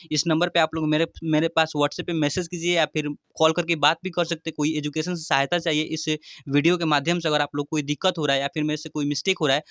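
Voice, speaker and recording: A man's voice: on the high side, fairly bright tone, no echo, clean studio sound. A man teaching a recorded lesson, reciting syllables one at a time and talking directly to his students. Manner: slow syllable-by-syllable recitation, stretching sounds; chatty direct address to students.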